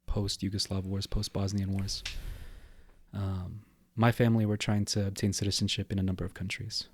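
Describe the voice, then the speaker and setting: Low, flat-voiced young man. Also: normal speed, breathy edge, no room sound. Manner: reflective, steady, explanatory. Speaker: guest. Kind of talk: casual interview talk.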